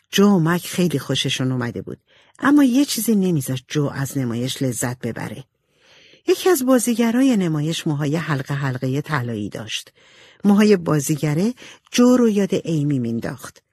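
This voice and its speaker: Lively, husky woman storyteller. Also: sits low, no room sound. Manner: expressive storytelling. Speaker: audiobook narrator. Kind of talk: scripted narration.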